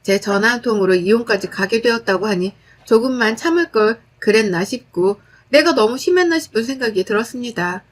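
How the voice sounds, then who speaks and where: High-voiced woman telling a dramatic story. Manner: blunt, firm, sharp-tongued. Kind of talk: dramatized first-person story narration.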